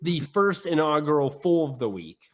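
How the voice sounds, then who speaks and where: Excitable young man hosting a podcast. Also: on the high side, normal speed. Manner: excitable, jokey, teasing. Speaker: podcast co-host. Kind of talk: casual podcast banter.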